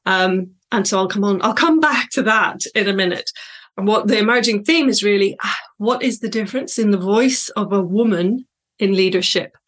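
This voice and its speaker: A woman's voice: medium pitch, fairly bright tone. Chatty woman hosting a podcast. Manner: chatty, reflective, digressive with frequent fillers and laughs. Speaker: podcast host and coach. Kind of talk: solo podcast monologue.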